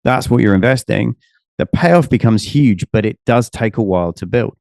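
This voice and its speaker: Enthusiastic man, animated coaching talk. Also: moderate pace, creaky, no room sound. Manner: enthusiastic, animated, acts out quoted people with big pitch jumps. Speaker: business coach, podcast guest. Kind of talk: energetic conversational interview.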